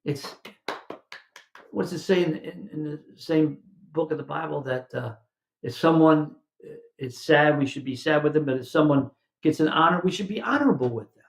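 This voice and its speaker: Male chaplain, gravelly slightly high voice, chatty devotional sermon in an echoey room. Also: brisk. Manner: conversational, with many restarts and quoted asides.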